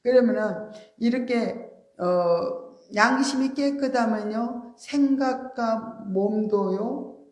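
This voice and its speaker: A woman preacher giving a sermon, explaining earnestly with soft, polite endings. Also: fairly high pitch, takes it slowly, roomy sound. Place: church sanctuary.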